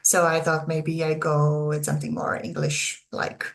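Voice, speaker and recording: A young woman with a Hungarian accent and a low voice chats casually to the camera on her own video channel, where she presents herself as an author. She speaks at a measured pace with a completely flat delivery, sounding a little hesitant as she talks to her viewers.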